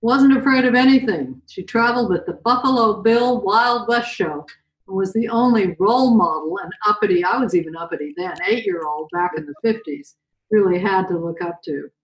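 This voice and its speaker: A woman of around seventy from the western United States, telling a candid, folksy personal story as a guest speaker, with chatty asides. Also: medium pitch. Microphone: video call. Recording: roomy echo.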